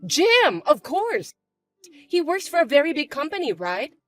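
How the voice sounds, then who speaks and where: A woman voicing a spiteful, bossy young stepsister who talks in a shrill, mocking, shouty way. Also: sing-song, measured pace, faint music behind. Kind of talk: chat-story voice acting.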